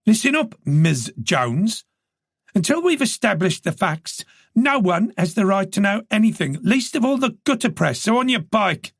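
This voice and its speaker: A man voicing a brisk, commanding female police detective in an audiobook reading. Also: medium pitch, very animated, husky, dry recording, studio quality, pitched above the performer's own voice. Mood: stern.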